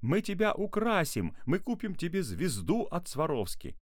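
A man playing a proud, easily flustered father who brags and shouts orders, in a read-aloud story. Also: fairly low pitch, very animated, slow pace, no room sound, clean studio sound. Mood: shouting. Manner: boastful, then shouting orders. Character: flustered proud middle-aged dad.

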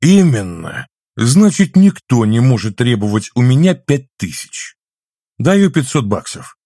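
A man voicing a grumpy, sarcastic old shopkeeper in an audiobook, grumbling his lines in a higher, louder voice. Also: very animated, a little slow, no room sound, clean studio sound. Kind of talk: audiobook reading.

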